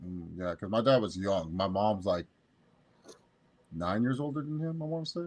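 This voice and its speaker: At a moderate pace, a thirtysomething man with a fairly low, darkish voice co-hosts a sports podcast. His talk is casual and meandering, full of crude humor and frequent self-interrupted restarts.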